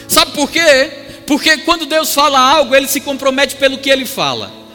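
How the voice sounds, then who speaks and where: A Brazilian male pastor preaches with fervor in a very high, piercing, sharp voice. His lines build through repeated phrases, and his voice rings out in a hall with a long reverb while music plays behind him. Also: lively intonation, normal speed. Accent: Brazilian Portuguese. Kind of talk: sermon.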